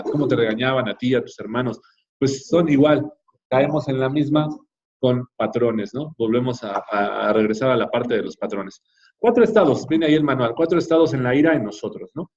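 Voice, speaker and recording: A man with a Mexican accent teaching a church class in a relaxed, conversational way, often checking in with his listeners. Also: mid-range voice, lo-fi sound. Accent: Mexican Spanish. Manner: conversational, frequent tag questions, addresses the class directly.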